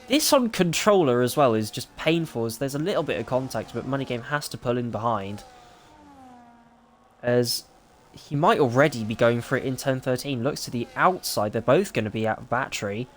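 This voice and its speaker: A man calls a live sim racing broadcast as lead commentator, firing off excitable play-by-play. His pitch sits in a middle range. Faint background noise hangs under his voice. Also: moderate pace.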